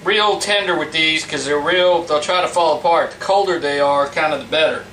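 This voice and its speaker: Here a man with a high, fairly bright voice walks through a recipe at normal speed, a home cook with a folksy, plain-spoken, casual style. Fan noise hums loudly behind him, and the distant mic makes the kitchen sound roomy.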